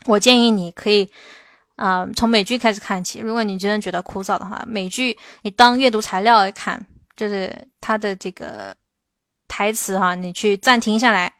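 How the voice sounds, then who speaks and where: Female English teacher, livestream Q&A, mid pitch, dry close sound, slows for stressed examples. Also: a bit bright, no room sound. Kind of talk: livestream Q&A lesson.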